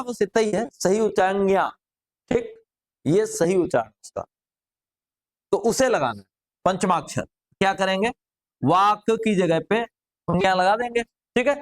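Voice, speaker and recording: A man in middle age with a notably high-pitched voice leads a grammar lesson. He keeps the class engaged by asking them questions and answering them himself. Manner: drills students with rhetorical questions. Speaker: teacher.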